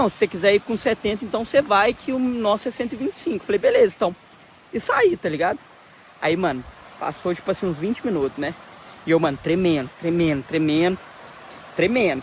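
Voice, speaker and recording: A Brazilian man tells a travel story to his camera in a casual vlog, excited and slangy, acting out the dialogue. His voice sits high. Faint outdoor noise by the sea is heard under him. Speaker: travel vlogger.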